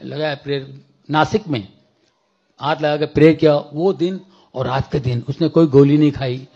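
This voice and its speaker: A man's voice: a little high, steady tone, moderate pace, slightly rough, dull audio. A man preaching a testimony in church, telling a story with acted-out dialogue, mixing in English phrases. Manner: storytelling, acts out dialogue, bursts into shouting prayer. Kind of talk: sermon testimony.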